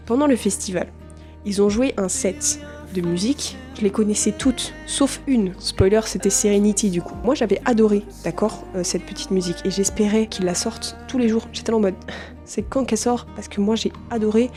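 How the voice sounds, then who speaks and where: A woman's voice: medium pitch, fairly quick, mellow. A young adult woman chatting casually about songs she likes as a music vlogger, slangy and talkative, often turning to her viewers. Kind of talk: casual chat.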